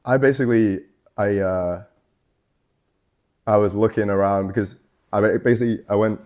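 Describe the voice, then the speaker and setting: A man's voice: lowish voice, fairly even intonation, moderate pace, darkish tone. A young man from Scotland, a guest artist in a tattoo shop, chatting casually in a loose, rambling way full of fillers and swearing. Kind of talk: casual chat.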